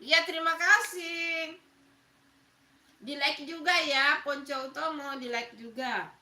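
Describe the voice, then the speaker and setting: Hosting a relaxed live stream, this middle-aged Makassar woman greets viewers by name, chats freely and laughs a lot, with a clear Makassar accent. Her voice is high, pushed and bright, steady in tone and slow in pace. She's far from the mic in an echoey room.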